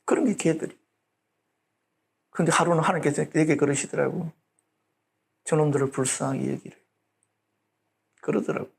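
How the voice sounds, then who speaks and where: A man's voice: a little high, moderate pace, gravelly, long pauses. A male pastor preaching a sermon in a blunt, colloquial way and often asking the audience for agreement.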